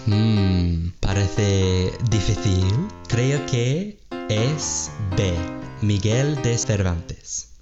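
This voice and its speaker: Brief male co-host and quiz contestant, unhurried and careful, low voice. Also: muffled recording, loud music behind the voice. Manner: answers tentatively, thinks aloud before guessing. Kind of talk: slow, careful quiz chat.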